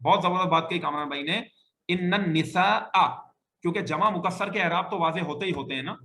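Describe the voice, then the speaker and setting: This is an Arabic grammar lecture from a male teacher whose voice is high and bright, with echo in the room. Teaching both in-person and online students, he slowly repeats sentences and patiently fixes their mistakes.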